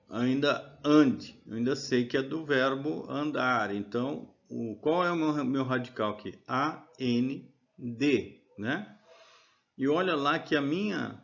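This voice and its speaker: A man's voice: mid-range voice, gravelly, lo-fi sound. A man teaching a grammar lesson over slides, explaining patiently and often checking that listeners follow.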